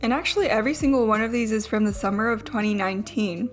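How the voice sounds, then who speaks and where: A woman's voice: on the high side, quick pace. A young adult woman giving a casual, chatty, self-deprecating vlog voice-over, with some trouble saying her R sounds. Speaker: vlogger. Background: background music.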